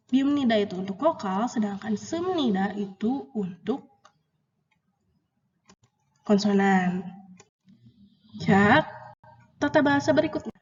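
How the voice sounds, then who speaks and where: Woman teacher in a dull, echoey recording. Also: darkish tone. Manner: slow, drawn-out repetition of example words, rising pitch on questions. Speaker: Korean language teacher. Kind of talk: grammar lesson explaining example sentences. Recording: dull, roomy lo-fi recording with long reverb.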